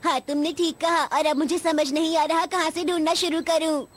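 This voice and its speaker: A woman's voice: extremely high pitch, fairly even intonation, normal speed. A woman voicing a cheeky, mischievous little boy in a cartoon dub, teasing and theatrical. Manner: teasing, theatrical, dramatic pleading. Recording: cartoon music underneath.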